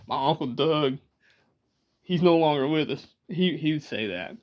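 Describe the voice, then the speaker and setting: A man's voice: a little high, darkish tone. Chatty Georgia man with a Southern drawl. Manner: chatty, laughs often, rambling asides. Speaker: vlogger. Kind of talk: casual talk to camera. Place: small room indoors, sitting in a rocking chair. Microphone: camera in front of him.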